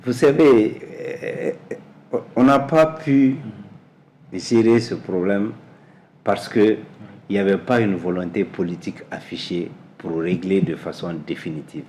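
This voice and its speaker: A man from Mali, answering as an interview guest in a measured way, repeating words as he searches for them. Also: deep voice, a little mellow, slight background noise. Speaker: guest, energy specialist.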